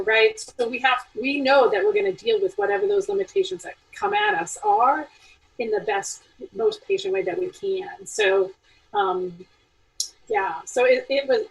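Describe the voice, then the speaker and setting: A woman on the theatre faculty, talking from her home attic in a panel over a video call, animated and patient, thinking aloud with restarts. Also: high voice, gravelly, distant mic, poor audio.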